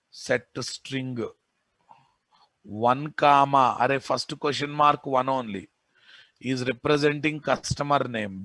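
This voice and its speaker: A man's voice: medium pitch, gravelly, a bit bright, no room sound. A man with a Telugu Indian English accent teaching a live class as an instructor, informally, often repeating phrases and checking in with his listeners. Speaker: software programming instructor. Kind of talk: live classroom lecture with storytelling and dictation.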